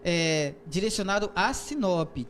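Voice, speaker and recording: A man with a Brazilian Portuguese accent talks through poetic form in an interview, slowly and patiently, with plenty of fillers and restarts. His voice sits a little higher than usual for a man. Faint room ambience hums behind him. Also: animated, fairly bright tone, a little hiss or hum. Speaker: poet and author guest. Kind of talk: interview, explaining and reciting poetry.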